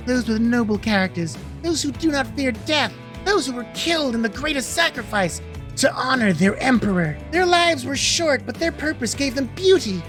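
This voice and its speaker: Lady doing a ghost samurai woman in a game, serious, slow and measured. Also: sits high, fairly bright tone. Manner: grave, measured. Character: solemn female ghost samurai.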